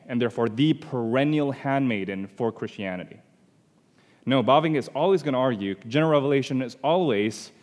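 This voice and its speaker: Man from Indonesia, mid-pitched, emphatic theology lecturer with rhetorical questions, hall reverb. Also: a little mellow.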